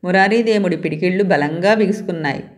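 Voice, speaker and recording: A woman storyteller reading a romance novel aloud in a steady, even way. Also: on the low side, fast talker.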